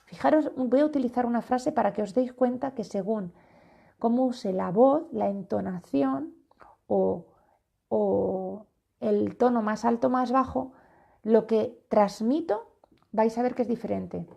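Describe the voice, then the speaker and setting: Slow, gravelly-voiced woman parenting coach. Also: a little high, warm tone. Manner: slow, deliberate, demonstrates tones by acting out phrases. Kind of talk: live-streamed talk to viewers. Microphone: phone or webcam live stream.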